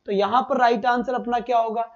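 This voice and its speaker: A man teaches a live online exam-prep class, firing quick questions at his students, repeating each point and calling them "beta". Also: very high-pitched, steady tone, dull audio.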